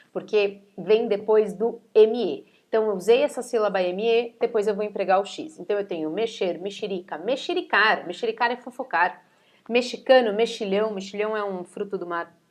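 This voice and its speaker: A woman with a Brazilian Portuguese accent, a teacher explaining spelling rules step by step and often checking in with her students. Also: on the high side. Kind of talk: recorded spelling lesson.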